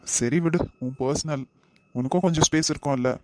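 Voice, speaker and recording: A man's voice: a little high, moderate pace, darkish tone, no echo, close to an everyday voice. A man voicing an earnest protective uncle. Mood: lecturing. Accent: Kanyakumari Tamil. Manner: lecturing, earnest. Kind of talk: animated family drama voice acting.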